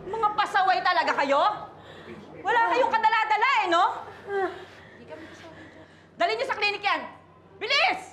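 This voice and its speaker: A woman's voice: very high voice, animated, moderate pace, pauses often, crowd noise. An actress playing a stern, threatening female prison warden in a TV melodrama, with a Filipino accent. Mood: scolding. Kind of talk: TV melodrama acting. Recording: music behind dialogue.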